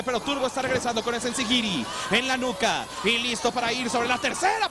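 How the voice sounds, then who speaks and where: High-pitched Mexican man, excited wrestling commentator. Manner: emphatic wrestling-announcer calls, shouting at big moves. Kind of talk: excited live sports commentary of lucha libre. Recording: noisy arena din over commentary.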